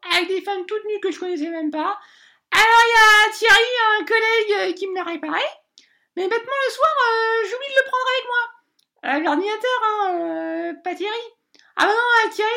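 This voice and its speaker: A very high-pitched, bright voice of a scatterbrained female bank adviser, played by a woman. She rambles on in a comic monologue, hesitant and full of filler sounds, lonely under her chatter. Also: heavily acted.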